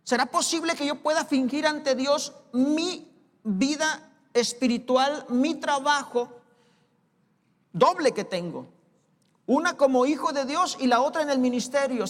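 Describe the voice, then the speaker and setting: A man preaching a sermon as pastor, asking slow rhetorical questions of the congregation. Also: very high-pitched, a bit bright. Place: church sanctuary. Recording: long hall reverb, live church recording.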